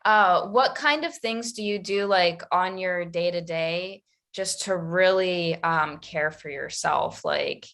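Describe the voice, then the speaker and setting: A woman's voice: fairly low pitch, slow, a bit bright. A woman hosting a podcast interview, asking easygoing questions with many fillers. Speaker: podcast host. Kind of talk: casual interview chat.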